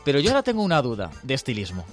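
A man's voice: mid-range voice, huge pitch swings, rapid-fire, faint music behind. A man in his forties co-hosting a radio show, chatting and reading out listener messages. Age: 40s. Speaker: radio co-host.

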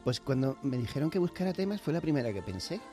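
Chatty male novelist over soft music. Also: medium pitch, very animated, fast talker. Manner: chatty, reflective, laughs easily. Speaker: novelist guest. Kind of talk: radio interview. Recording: soft music playing underneath.

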